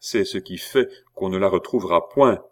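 A man reading an audiobook and voicing a reticent cardinal who speaks quietly and solemnly. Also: deep voice, normal speed, lightly acted. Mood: restrained.

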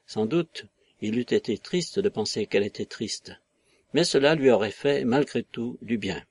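A man narrating a novel in a measured, literary reading on a close mic. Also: medium pitch, expressive, a little mellow, husky, no echo. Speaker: audiobook narrator. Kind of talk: scripted narration.

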